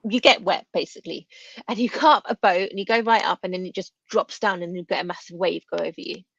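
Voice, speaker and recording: A woman hosts a casual live-stream chat, pronouncing her r's like w's. Her voice sits at an ordinary pitch, in a dry but slightly dull, lo-fi recording. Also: fairly even intonation, quick pace, vocal fry, fairly bright tone, no room sound. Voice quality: trouble saying r and w sounds, says w for r.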